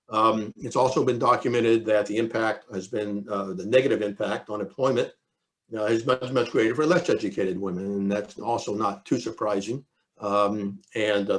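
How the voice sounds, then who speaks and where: An older man giving an academic lecture, hesitant, with many fillers and restarts, chuckling at his own asides. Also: lowish voice. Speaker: economist giving a presidential address.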